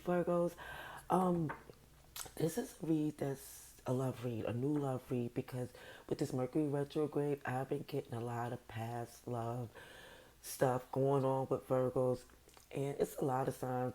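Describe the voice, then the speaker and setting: A woman's voice: extremely low pitch, steady tone, measured pace, rough recording. A woman doing a casual tarot reading, chatting to viewers in her early-morning voice and saying a short prayer. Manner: chatty, prayerful, addresses viewers warmly by sign. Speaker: tarot reader.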